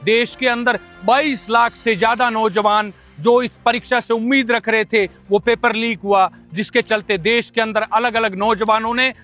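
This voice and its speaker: A man from the Bikaner area of Rajasthan giving an impassioned political video statement in a forceful, declamatory, accusatory way. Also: very high-pitched, fairly even intonation, normal speed, few pauses, faint music behind. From Bikaner area, Rajasthan, India. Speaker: local political activist.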